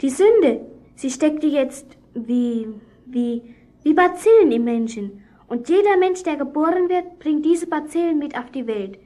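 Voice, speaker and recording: A woman's voice: sits high, lively intonation, measured pace, warm tone. A woman acting a young girl in a children's radio play, earnestly retelling a Bible story to a boy.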